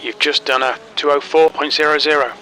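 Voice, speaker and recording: A man voicing an automated race spotter who gives short, clipped radio calls about gaps and traffic in an even, businesslike way. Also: a little high, a little fast. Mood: terse.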